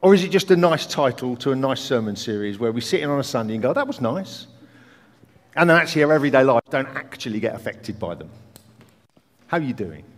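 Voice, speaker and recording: A man preaching a sermon in a conversational, joking way with rhetorical questions, his voice a little croaky. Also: medium pitch, sing-song, quick pace. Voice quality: slightly croaky morning voice. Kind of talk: sermon to a congregation. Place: large hall, speaking to a congregation. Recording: reverberant hall.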